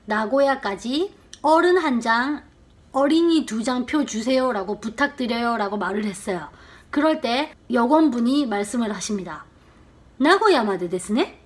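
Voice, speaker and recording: Lively high-voiced woman teaching a language. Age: middle-aged. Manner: lively, acts out short sample dialogues with slowed, exaggerated intonation. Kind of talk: casual language lesson.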